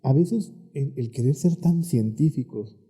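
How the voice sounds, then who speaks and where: A man with a Mexican accent, a therapist guest explaining emotions in a calm, reflective podcast conversation. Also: medium pitch, unhurried, slightly rough.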